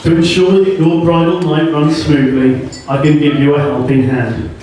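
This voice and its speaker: A man giving a joking best man speech in deadpan delivery at a wedding reception. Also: on the high side, moderate pace, very noisy. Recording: echoey hall from far off, laughing crowd. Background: guests laughing.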